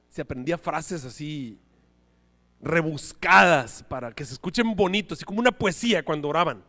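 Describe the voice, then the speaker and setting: A man preaching a sermon, animated, acting out little scenes and voices as he goes. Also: a little high. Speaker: pastor. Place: church hall. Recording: live church hall reverb.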